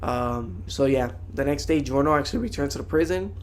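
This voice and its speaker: A man's voice: medium pitch, animated, a little fast, a little hiss or hum. A young man giving a casual, slangy, rambling anime review to viewers.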